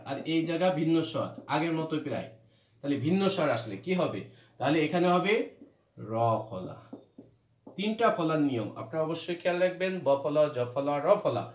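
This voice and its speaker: A man from Bangladesh teaching a grammar lesson, repeating rules and asking questions that he answers himself. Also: fairly high pitch. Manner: repetitive, asks questions then answers them. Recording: roomy echo.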